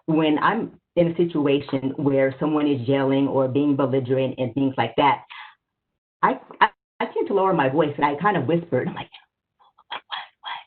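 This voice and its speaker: A woman's voice: extremely low pitch, normal speed. A woman presenting a workshop on a webinar, speaking conversationally and often checking in with "right?". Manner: conversational, asks for slides, frequent "right?". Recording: phone-like narrow audio.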